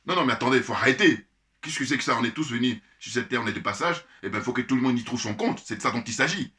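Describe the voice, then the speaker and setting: A man giving casual spoken political commentary, animated and indignant, with frequent laughs, fillers and restarts. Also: medium pitch, fast talker.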